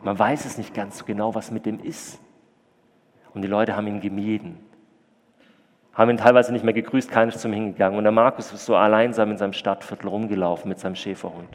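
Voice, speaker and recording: Earnest preacher in a reverberant church. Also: male voice, lowish voice, steady tone, fast talker, a little hiss or hum. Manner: earnest, conversational, swings loud and soft. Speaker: pastor. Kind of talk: sermon with storytelling.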